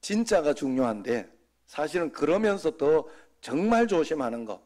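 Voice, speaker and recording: A man's voice: mid-range voice, darkish tone. A middle-aged male pastor giving a sermon in a folksy, conversational way, often slipping in quoted asides.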